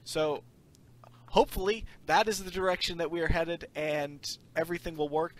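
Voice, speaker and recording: A man's voice: a little high, moderate pace. A man hosting a casual podcast chat, introducing the panel and making announcements. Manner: chatty, running the show with announcements. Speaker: podcast host.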